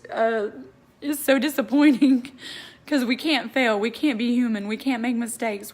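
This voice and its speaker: Earnest woman sharing a devotional. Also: on the high side. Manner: earnest, confiding, reads a prayer aloud. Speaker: faith vlogger. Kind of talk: casual devotional talk to viewers.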